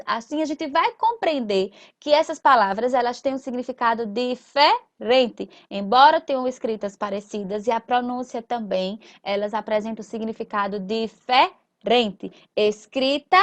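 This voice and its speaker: A woman teacher, explaining a lesson slowly, drawing out her words and often adding tag questions. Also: high voice, fairly bright tone. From Sergipe, Brazil. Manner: slow, drawn-out and explanatory, with frequent tag questions. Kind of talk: recorded school lesson.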